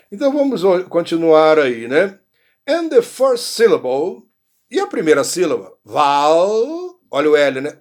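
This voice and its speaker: Brazilian man teaching English pronunciation. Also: a little high. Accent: Brazilian Portuguese. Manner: slow, drawn-out English model phrases, frequent check-ins. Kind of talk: explanatory language lesson.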